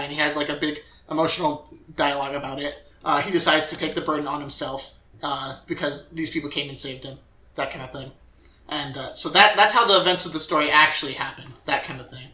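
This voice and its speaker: Bright-voiced young man recapping an anime. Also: on the high side, steady tone, fast, echoey room. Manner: rambling recap with filler words and acted quotes. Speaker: podcast co-host. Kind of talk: casual podcast recap.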